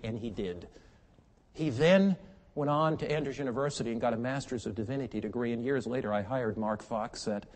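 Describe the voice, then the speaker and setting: An older man preaching a sermon, swinging from loud, emphatic peaks to quiet, intimate storytelling. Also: medium pitch. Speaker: pastor. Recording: long hall reverb.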